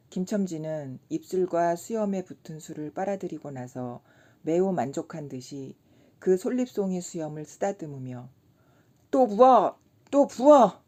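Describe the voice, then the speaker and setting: A woman reading a short story aloud in a calm, even bedtime audiobook narration. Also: sits low.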